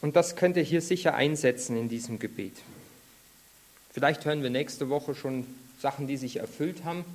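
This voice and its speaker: A man in a church hall delivering a sermon. He speaks earnestly, in a middle-pitched voice, and draws out the scripture lines slowly and with more force. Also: a little mellow. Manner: earnest, slows and lifts his voice for scripture. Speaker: preacher. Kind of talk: sermon with prayer reading.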